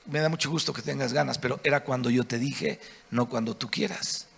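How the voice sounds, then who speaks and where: A Mexican-accented man voicing God in a sermon, speaking softly and conversationally, like a patient, mildly let-down father, in a reverberant hall. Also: mid-range voice, steady tone, fairly quick, creaky, breathy edge, pitched below the performer's own voice, full character voice. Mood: gently reproachful. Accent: Mexican Spanish.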